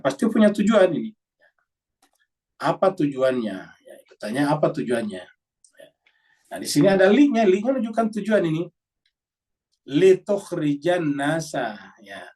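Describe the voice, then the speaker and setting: A man's voice: a little high, husky, far from the mic. A man teaching a religious lesson on scripture, explaining patiently and asking himself rhetorical questions before answering them. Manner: steady, patient explaining with frequent "ya" fillers. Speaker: Quran teacher.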